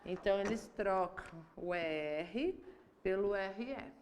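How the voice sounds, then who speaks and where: A Brazilian woman with a Brazilian Portuguese accent teaches English for exam prep in an online lesson. Her medium-pitched, slightly mellow voice moves slowly as she patiently works through examples step by step. She reads each English example aloud and then translates it.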